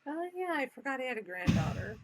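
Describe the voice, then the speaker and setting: A woman co-hosting a podcast in casual chat, making quick joking asides. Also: sits high, sing-song, dry recording. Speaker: podcast co-host.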